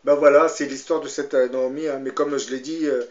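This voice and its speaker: Man, mid pitch, hesitant, many fillers, commentary and Bible storytelling, echoey room, muffled sound. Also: steady tone, brisk. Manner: hesitant, full of fillers and tag questions. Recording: roomy, slightly dull sound.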